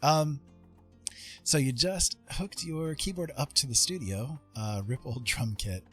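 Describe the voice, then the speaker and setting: Music plays in the background as a man, a digital artist, hosts a relaxed art livestream. He rambles in a warm, welcoming way, his voice slightly high and his pace measured.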